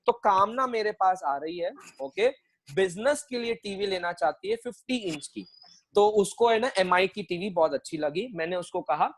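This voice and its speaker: High-voiced man teaching an online accounting class. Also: expressive, normal speed, rough recording. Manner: mixes Hindi and English, repeats phrases and quizzes students; playful, joking with students.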